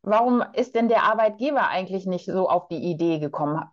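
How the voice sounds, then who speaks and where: A woman interviewer with a middle-pitched voice asks curious follow-up questions. The recording is somewhat dull. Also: expressive, a little fast. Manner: curious, probing follow-ups.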